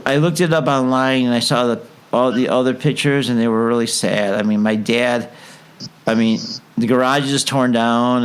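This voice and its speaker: A man hosting a relaxed talk show, with a voice of middling pitch. He rambles and jokes, trailing off mid-sentence and starting over. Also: clear, resonant tone. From Chicago. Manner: rambling, jokey, trails off and restarts. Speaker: show host. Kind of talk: casual chat.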